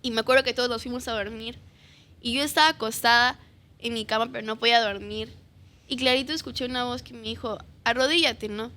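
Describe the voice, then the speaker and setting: A woman's voice: on the high side, steady tone, quick pace, sharp tone. A young woman earnestly sharing her personal faith testimony as a podcast guest, often ending phrases with a questioning tag.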